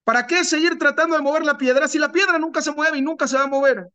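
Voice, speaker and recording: A man's voice: extremely high pitch, fairly even intonation, fast, pushed and bright, voice pushed up. A man voicing a weary, discouraged working man who complains to God. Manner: tired, complaining.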